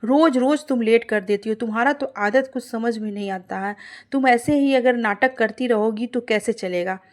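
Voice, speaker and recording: A woman's voice: on the high side, normal speed, close to an everyday voice. A woman voicing an impatient husband who scolds his wife in a cartoon story. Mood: annoyed.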